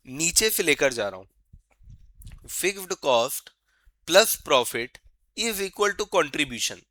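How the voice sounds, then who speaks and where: A man giving an exam-prep lecture, coaxing his students and asking questions he answers himself, and slowly reading out formulas as he writes them. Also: mid-range voice, pushed and bright, dry recording. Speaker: teacher.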